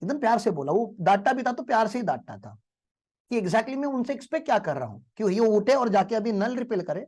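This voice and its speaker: Animated male lecturer telling stories. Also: sits high, fairly quick. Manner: storytelling with rhetorical questions. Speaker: teacher. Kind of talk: motivational lecture.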